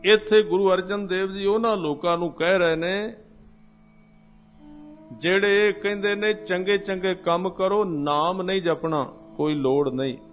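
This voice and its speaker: A man with a high voice preaches to a congregation at an unhurried pace. He explains sacred lines one at a time and chants the verses slowly. Faint music plays behind him. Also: steady tone. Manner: addresses a congregation directly. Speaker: Sikh preacher. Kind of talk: scripture sermon.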